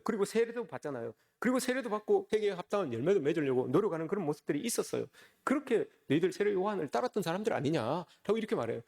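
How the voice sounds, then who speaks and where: Male pastor, sermon delivery, quick and lively, slightly high voice, keeps turning to the congregation with questions. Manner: often addresses the congregation directly with rhetorical questions. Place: church service.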